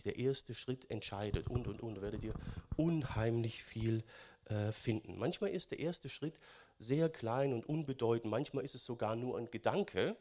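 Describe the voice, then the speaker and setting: A man giving a sermon in German, chatty and conversational, often adding "ne?" and swinging between loud stressed phrases and quiet musing. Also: medium pitch. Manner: conversational, keeps adding "ne?" tags. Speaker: preacher.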